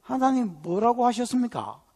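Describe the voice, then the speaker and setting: With an extremely high pitch, steady moderate pace, and vocal fry, this middle-aged pastor preaches in Gyeongsang Korean dialect. His sermon mixes personal anecdotes with playful jokes that poke fun at the congregation, and the church hall adds a long reverb.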